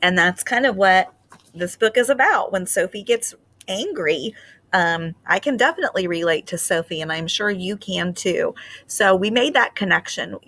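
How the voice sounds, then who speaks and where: In an animated, mid-range voice at a moderate pace, a teacher gently and patiently explains reading ideas to kids, using frequent fillers. She finishes by reading a picture book aloud expressively.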